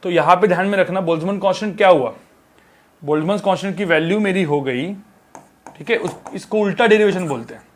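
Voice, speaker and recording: A fairly high-pitched young man teaching a physics class in a loose, conversational way. He often stops to check in with his students and drags out words as he writes on the board. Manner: talks while writing on a board, drawn-out words, many filler checks. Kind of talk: casual classroom lecture.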